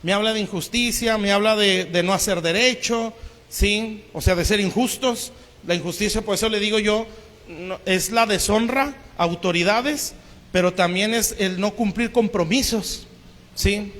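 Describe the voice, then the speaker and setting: High-voiced pastor preaching in a hall. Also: male voice, moderate pace, fairly bright tone. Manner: keeps asking the congregation "¿sí?". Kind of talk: sermon. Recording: long hall reverb.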